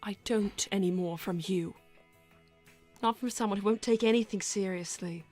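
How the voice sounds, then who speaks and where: A woman's voice: mid-range voice, moderate pace, darkish tone, faint music behind, natural voice. A woman voicing Blaze, a proud, easily offended cat princess, with curt, formal, scolding delivery in live improvised roleplay. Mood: stern.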